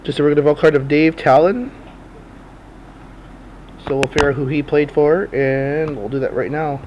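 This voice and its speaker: A man's voice: a little high, normal speed, dull audio. A man hosting a card break with casual, improvised running commentary, informal and muttering to himself as he works. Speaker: host of sports card box breaks. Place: small indoor home office full of cards. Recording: noisy room, camera on desk.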